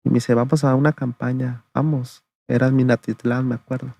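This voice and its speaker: A man tells his own story in an interview. His voice is gravelly, with little rise and fall in pitch. The sound is dry and close. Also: a little fast, no echo. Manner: gravelly, flat storytelling, often adding "le digo" and "¿verdad?". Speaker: interview guest giving testimony. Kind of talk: conversational testimony.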